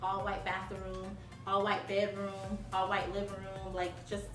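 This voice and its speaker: Seated on a sofa in her living room, a young Haitian woman chats casually with her viewers in a haul video, showing off home decor with a bubbly manner and plenty of "like"s. Her voice is medium-pitched, monotone and unhurried, with music playing behind her. The distant mic gives the sound a roomy quality.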